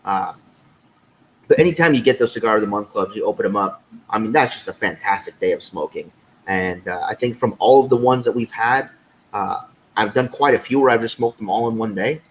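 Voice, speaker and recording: A man's voice: on the low side, brisk, a little hiss or hum, rough recording. A man co-hosting a podcast in a casual, conversational review style. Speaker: podcast co-host. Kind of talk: casual cigar review chat.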